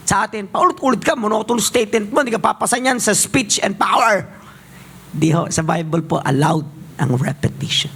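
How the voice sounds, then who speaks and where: A man preaching a sermon as pastor, with slow emphatic phrases, quick asides, scripture read aloud and call-and-response with the congregation. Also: sits high, creaky, husky.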